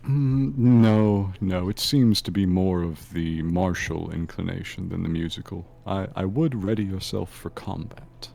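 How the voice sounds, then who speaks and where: A low-voiced, gravelly ghostly psychic acted by a man at a game table. He is grave and solemn, addressing spirits with command. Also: unhurried, hardly any pauses, mellow, full character voice. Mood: grave warning.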